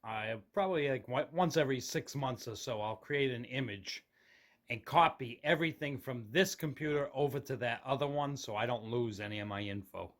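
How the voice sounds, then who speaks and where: A middle-aged man with a mid-range voice and normal pace narrates a casual, unscripted tour in a plainspoken, explanatory way. He's a hobbyist video host, speaking indoors in a home room filled with radio gear.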